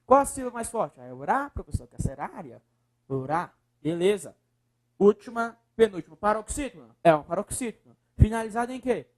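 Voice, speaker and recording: A man's voice: sits high, lively intonation, a little fast. Brief: Brazilian male teacher, coaxing, breaks words into syllables. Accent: Brazilian Portuguese. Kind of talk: video lesson.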